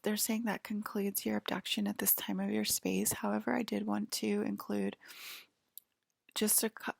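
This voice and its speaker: In a hushed ASMR roleplay, a woman soothes the listener like a patient clerk, speaking slowly and haltingly. Her medium-pitched voice is breathy and whispery with very heavy creak, and the sound is close and dry with no room sound.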